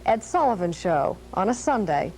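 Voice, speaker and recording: A woman's voice: medium pitch, very animated, moderate pace, a little mellow, slight background noise, poor audio. A woman narrating a scripted news feature as anchor, polished and storytelling.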